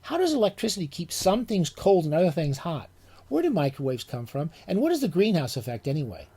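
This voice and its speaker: A man's voice: a little high, sing-song, a little fast, warm tone, slightly rough, heavily acted. A man voicing a group of curious children who pester their grandfather with endless questions. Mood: inquisitive. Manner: eager, relentless questioning.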